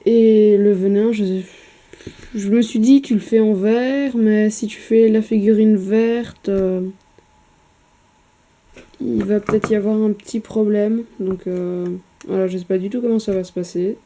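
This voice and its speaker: Captured by a camera mic at her home painting desk, a woman describes painting a miniature in a relaxed vlog, her speech hesitant and chatty with frequent fillers and casual swearing. Her very dark, mellow voice is medium-pitched, with fairly even intonation at a measured pace.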